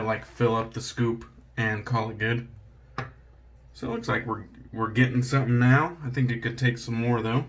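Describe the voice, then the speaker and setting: A man's voice: mid-range voice, slight background noise. A man hosting a shaving channel, chatting casually and rambling while he shaves at home, joking about himself and swearing now and then. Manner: laid-back, rambling, self-deprecating, swears casually.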